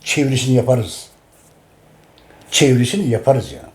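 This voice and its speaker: Emphatic middle-aged man, warm voice. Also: mid-range voice, expressive, normal speed. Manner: repetitive, emphatic, repeats each phrase; addresses his audience directly. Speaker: host. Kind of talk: casual talk.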